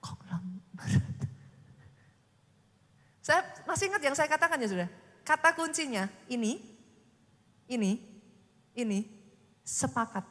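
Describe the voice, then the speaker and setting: A woman pastor, preaching a dramatic sermon that swings from loud to whispered. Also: sits high, expressive, moderate pace, pauses often. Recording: long hall reverb.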